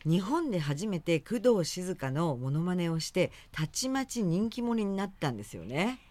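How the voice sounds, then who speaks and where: Lower-voiced woman radio host. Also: very animated, normal speed, a little mellow, no echo. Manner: attentive, frequent short acknowledgements. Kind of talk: radio talk-show hosting.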